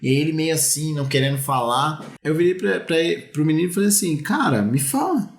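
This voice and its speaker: Animated Brazilian man telling stories. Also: a little high, fast talker, creaky, echoey room. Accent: Brazilian Portuguese. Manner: animated, acts out dialogue in his stories. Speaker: youth sports coach. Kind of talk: casual podcast storytelling.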